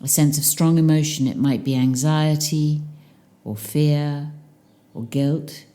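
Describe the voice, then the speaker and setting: A female meditation teacher guides a session in a low-pitched voice. She speaks calmly and soothingly, leaving long pauses between phrases.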